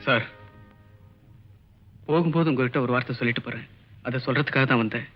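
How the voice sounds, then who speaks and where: A man's voice: medium pitch, fairly quick, faint music behind, natural voice. An actor playing a wronged young male lecturer who pleads his innocence earnestly and solemnly repeats his points. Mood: pleading. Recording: dull old film soundtrack.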